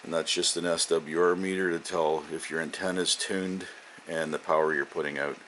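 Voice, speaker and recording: A CB and ham radio hobbyist shows off his collection in a casual, unscripted show-and-tell, speaking plainly, rambling and often correcting himself. His voice sits low and is a bit bright, with fairly even intonation and a slightly fast pace. The recording is very noisy home-video sound with hiss.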